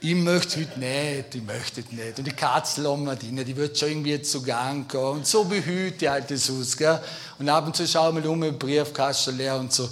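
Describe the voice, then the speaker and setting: A man preaching a sermon in a lively, emphatic way, speaking straight to his congregation. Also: fairly high pitch, brisk. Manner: lively, emphatic, addresses listeners directly.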